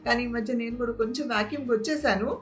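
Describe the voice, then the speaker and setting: A woman's voice: a little high, very fast, over music. An older woman, the vlogger's mother-in-law, chatting casually in a dry, teasing and skeptical way. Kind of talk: casual family banter.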